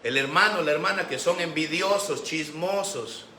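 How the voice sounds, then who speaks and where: Bright-voiced preaching pastor, echoey church. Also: male voice, a little high, normal speed. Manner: animated preaching, acts out quoted voices. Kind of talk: sermon. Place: church sanctuary. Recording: echoey church room with faint background noise.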